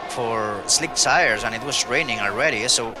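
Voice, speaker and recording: A man co-commentating a sim racing league race, measured and analytical. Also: medium pitch, over music, crowd noise.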